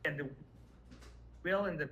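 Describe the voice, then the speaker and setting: A man giving an online lecture over a video call, speaking haltingly with many fillers while his audio cuts out and the volume keeps dropping. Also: fairly high pitch, bright, forceful tone, slight background noise. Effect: audio cutting out, uneven volume. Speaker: presenter at medical grand rounds.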